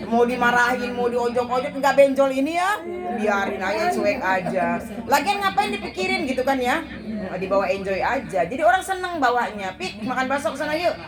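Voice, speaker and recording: Lively woman quizzing a group of women. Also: fairly high pitch. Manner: playful, quizzes the listeners and jokes. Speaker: speaker leading a women's study group. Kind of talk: informal talk to a live audience.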